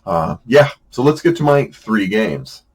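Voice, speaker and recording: A man's voice: lowish voice, very animated, measured pace, darkish tone, a little hiss or hum, rough recording. A middle-aged man hosting a casual talk about board games, chatty and wry, with lots of "uh"s and restarts. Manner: chatty, wry, self-deprecating, with frequent fillers and restarts. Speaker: board game show host.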